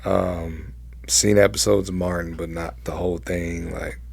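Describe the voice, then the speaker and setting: A young adult American man from Southern California tells personal stories casually as an interview guest, using informal, slangy speech. His voice sits low and is gravelly and husky, with a level tone and a slightly slow pace.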